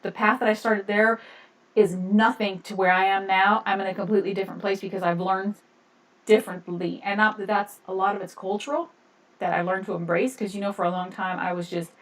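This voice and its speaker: A woman's voice: medium pitch, steady tone, fairly quick, recorded from a distance. A woman co-hosting a casual live-stream chat, rambling and laughing often. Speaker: podcast co-host.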